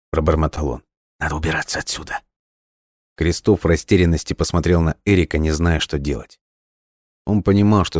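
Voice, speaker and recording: A man narrating an audiobook in a steady storytelling read. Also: extremely low pitch, no echo, studio quality.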